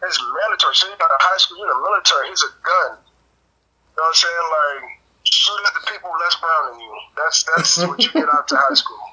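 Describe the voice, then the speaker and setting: A young man trades stories on a casual podcast, his tone very bright and a little high. He jokes constantly and acts out the people in his stories. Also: expressive, a little fast, husky, poor audio. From United States. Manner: joking storyteller, acts out quoted voices. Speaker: podcast co-host. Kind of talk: casual chat.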